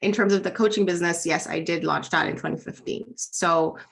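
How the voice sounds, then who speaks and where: In a lowish, steady, creaky voice, a woman speaks briskly as a guest on an interview. She is a Philippine business leadership coach in her thirties, and her answers are casual and friendly, with many fillers.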